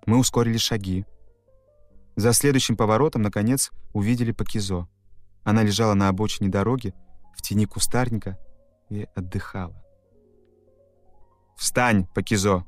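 A male actor narrates a novel in a calm, measured way, his voice sitting low. The recording is dry and close-miked, with quiet music underneath. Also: dry recording. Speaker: actor reading an audiobook. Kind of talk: audiobook narration.

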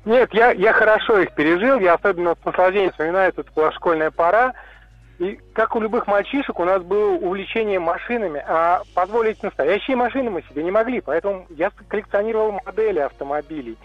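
A man's voice: high voice, quick pace. A man calling a radio show, earnest and stumbling a little as he starts his story. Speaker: caller. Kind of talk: phone-in chat. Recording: dull, dry phone-in line.

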